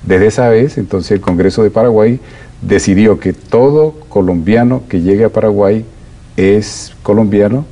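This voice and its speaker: A man's voice: on the low side, moderate pace, dark tone. A man hosting an interview show, asking his guest questions in a conversational way. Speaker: radio show host.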